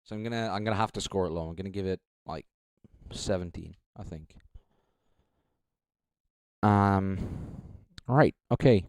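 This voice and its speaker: A man's voice: low-pitched, measured pace, long pauses, a little mellow, no echo. A young man casually commenting on a live stream, rambling, correcting himself and swearing freely. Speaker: streamer judging beatbox entries.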